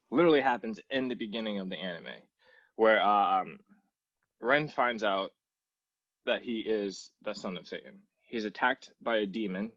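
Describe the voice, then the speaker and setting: Male podcast host, lower pitch, slightly dull dry recording, relaxed and hesitant delivery. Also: dry recording. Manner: relaxed, steady storyteller with many "um"s. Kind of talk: casual podcast chat.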